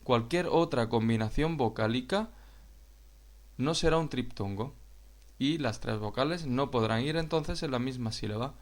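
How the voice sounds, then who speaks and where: A man with a Spain Spanish accent, teaching a grammar lesson in a slow, explanatory way and addressing viewers directly. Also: mid-range voice. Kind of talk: video lesson narration.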